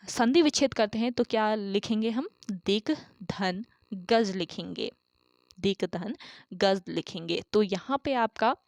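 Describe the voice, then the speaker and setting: A woman's voice: medium pitch, a little mellow, dry recording, clean studio sound. A woman teaching an exam-prep lesson who asks questions and then answers them herself, repeating key terms. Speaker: Hindi exam tutor.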